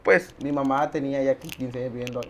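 A man's voice: mid-range voice, steady tone, brisk, a bit bright, slight background noise. A young man from Honduras, a barber, chatting casually as a guest in an interview and often tossing in "brother" and "¿sabes?". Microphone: lapel mic.

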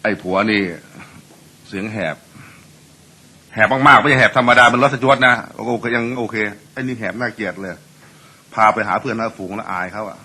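A man telling a bawdy joke in a chatty, animated way, with asides to the listener. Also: on the low side, normal speed. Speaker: joke teller. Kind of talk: bawdy comic storytelling.

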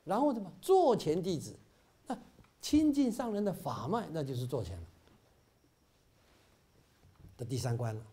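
The speaker is a middle-aged man with a slightly high, warm, very animated voice, giving a brisk, informal Buddhist talk to fellow volunteers. He leans on "ah" fillers and pushes up to emphatic peaks, speaking in a bookstore meeting hall.

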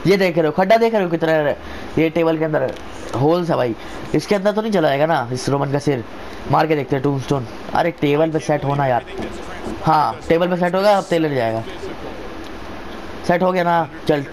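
High-pitched man, informal wrestling game commentator. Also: expressive, normal speed, pauses often, slight background noise, rough recording. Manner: chatty play-by-play like an informal wrestling commentator, repeating phrases. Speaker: gamer commentating his own wrestling video game match. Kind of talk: excited casual gameplay commentary.

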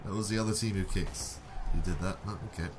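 A man's voice: low voice, fairly even intonation, quick pace, noisy background. A young man giving casual, sarcastic running commentary over a car-football game, mocking himself and his teammates. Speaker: gaming YouTuber.

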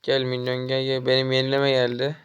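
A young man from Turkey commentating his own mobile game as he plays, taunting and trash-talking the enemy and getting excitable during chases. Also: mid-range voice, fairly quick, slight background noise. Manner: excitable, jumps up when chasing. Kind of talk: live gameplay commentary.

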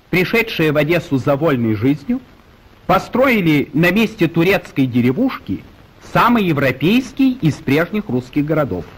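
Man, old-newsreel narrator, high and husky, formal declamatory delivery. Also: rough recording. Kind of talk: 1930s Soviet newsreel narration.

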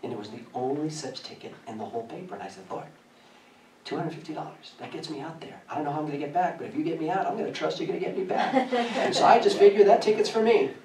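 A man preaching a sermon, telling a personal story in a lively way and often laughing as he speaks. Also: fairly high pitch, fast talker, slight background noise. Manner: animated, laughing through his story. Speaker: pastor. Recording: echoey church from a distance.

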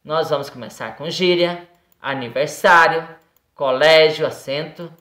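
A woman's voice: deep voice, unhurried, fairly bright tone, echoey room. A Brazilian woman teacher going through a grammar lesson, patiently asking and answering her own questions and tagging lines with "né?" and "ok?". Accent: Brazilian Portuguese. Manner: often tags lines with "né?" and "ok?". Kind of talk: recorded grade-school grammar lesson.

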